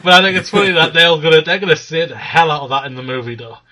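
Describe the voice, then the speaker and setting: A man co-hosting a casual movie news chat, animated and swearing freely. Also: a little high, fast. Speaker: podcast co-host.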